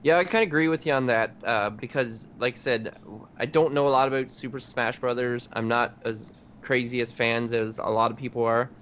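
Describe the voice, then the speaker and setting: A man's voice: mid-range voice, steady tone, fairly quick, fairly bright tone. A man co-hosting a casual podcast chat, easygoing and rambling, correcting himself as he goes. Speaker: podcast co-host. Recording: dull lo-fi audio with faint hiss.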